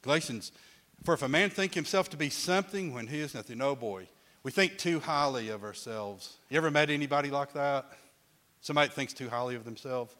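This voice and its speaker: A man's voice: medium pitch, a little fast, a bit bright. A middle-aged man teaching a Bible class in a conversational way, often restarting words and putting questions to his listeners.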